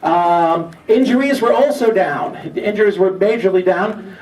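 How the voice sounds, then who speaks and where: A man acting as emcee, delivering a teasing, off-the-cuff comic monologue to a gathering. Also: high voice. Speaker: auctioneer and event emcee. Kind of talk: joking opening monologue to a gathering. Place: large room at an event, audience behind. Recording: echoey hall, distant mic, audience noise.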